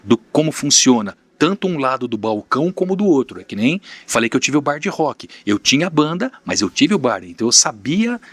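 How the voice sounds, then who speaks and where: A man's voice: mid-range voice, sing-song, brisk, hardly any pauses, husky, no echo. A man from Brazil, a podcast guest and mentor, telling candid stories of his businesses in casual interview talk. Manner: storytelling, plain-spoken, candid.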